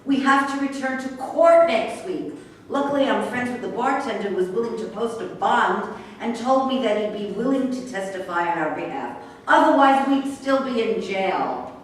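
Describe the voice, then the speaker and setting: A woman with a slightly high, expressive voice reads at normal speed, lightly acting the part of a stubborn, defiant young woman in a staged play. She sounds exasperated, captured at a live staged reading in an echoey room with a far mic and faint noise.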